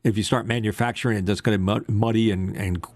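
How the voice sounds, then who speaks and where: Co-hosting a casual talk show on radio technology, a man rambles loosely and jokes at his own expense. His deep voice has strong upper mids, fairly even intonation and a slightly mellow quality, delivered fast with studio clarity and no room sound.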